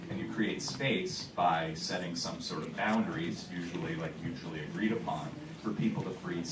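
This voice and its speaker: Before the show, a low-voiced male theater director chats loosely to the audience, full of fillers and restarts. He's holding a microphone but is heard from a distance, so the recording in the theater auditorium sounds echoey and noisy.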